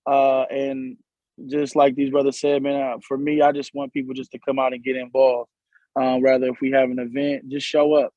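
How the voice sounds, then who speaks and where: A man's voice: medium pitch, normal speed, dry recording. Chill community guy with lots of ums, muffled dry sound. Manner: relaxed, hesitant. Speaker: community organizer. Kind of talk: casual panel talk.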